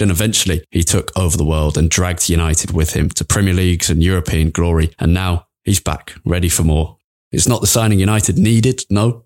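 A man with a low voice hosts a sports podcast. He delivers a prepared opening narration in a deep register. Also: darkish tone. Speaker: podcast host. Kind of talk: scripted podcast introduction.

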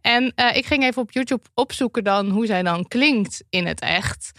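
A woman's voice: a little high, normal speed, a bit bright, no echo, studio quality. A woman co-hosting a podcast in casual chat, thinking aloud with frequent hesitations. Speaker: podcast co-host.

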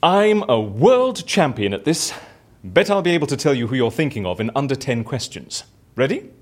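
A man in an audio drama plays the lead, a bored, boastful and theatrical raconteur who chats in a self-important way. His medium-pitched voice is sing-song at a normal speed, and the mood is playful.

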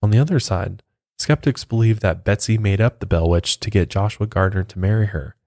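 Guy with a lowish voice telling a ghost story, chatty asides, super dry close mic. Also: brisk, a little mellow, no room sound. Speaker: storyteller host. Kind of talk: casual spoken storytelling.

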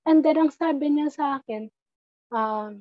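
A woman with a high voice recounts a personal story in a halting, searching way, often restarting and slipping English words into her talk. The recording sounds dry and close, with a slightly dull, muffled tone. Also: no room sound. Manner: hesitant, many restarts, mixes English into Tagalog. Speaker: guest telling a personal ghost story. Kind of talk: casual storytelling.

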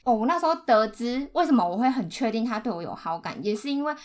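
Casting: woman podcast co-host, Taiwanese accent, fairly high voice, conversational personal storytelling. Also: lively intonation, quick pace, darkish tone. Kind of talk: casual chat, personal storytelling.

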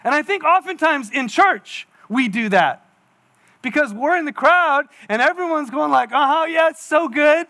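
In a church hall, a man in his forties delivers a sermon in a very high, bright, forceful voice, expressive and moderately paced. This pastor's style is chatty and self-deprecating, with small acted-out asides woven into his stories.

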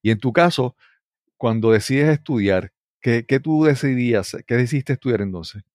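A man's voice: mid-range voice, lively intonation, normal speed, a little mellow, no echo, studio quality. A man hosting a podcast, asking long, rambling questions with restarts. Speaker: podcast host. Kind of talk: conversational interview.

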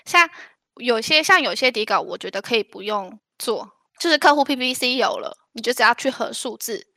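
A young woman in casual chat, chatty and quick to react, sharing anecdotes with a laugh. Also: fairly high pitch, lively intonation, sharp tone, dry recording, clean studio sound.

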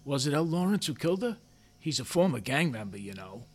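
A man's voice: fairly high pitch, big pitch swings, normal speed, slight background noise. An actor playing a gossipy, defensive middle-aged office man who hedges his answers and drops his voice for asides. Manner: hedging, self-justifying, drops voice for asides.

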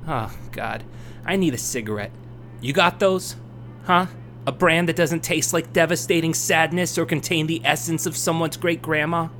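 Casting: actor for bewildered everyman traveler, radio play, wry and rambling, slightly high pitch, light background hum. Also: moderate pace, fairly bright tone. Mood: wry, chatty. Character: wisecracking, bewildered male traveler, newly dead. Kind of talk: scripted audio drama acting. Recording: faint hum behind voice.

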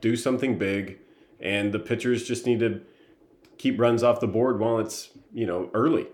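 Easygoing low-voiced man in an echoey room. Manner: relaxed, easygoing, laughs lightly. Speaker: former player, podcast co-host. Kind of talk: casual sports chat.

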